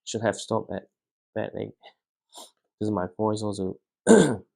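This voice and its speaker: Building a toy set at home, a man who isn't a native English speaker vlogs in a casual way. He talks quietly and haltingly, with lots of fillers, a dry throat, a lowish voice, and vocal fry.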